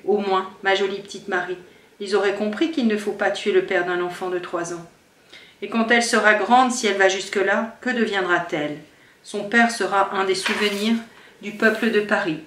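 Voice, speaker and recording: A woman giving an expressive, emotional first-person reading of a classic novel as an audiobook. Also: mid-range voice. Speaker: audiobook reader. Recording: roomy sound from some distance from the mic.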